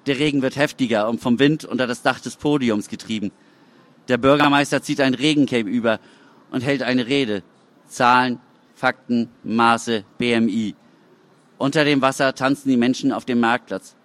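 A man reading his own story aloud in measured, dramatic narration. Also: mid-range voice, a bit bright.

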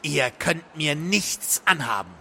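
A man's voice: sing-song, slow, gravelly, sharp tone, big-room sound, slight background noise, exaggerated voice. Man doing a frantic, stammering occultist. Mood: demanding. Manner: stammering, high-pitched proclaiming. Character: frantic male occultist, pompous yet fearful.

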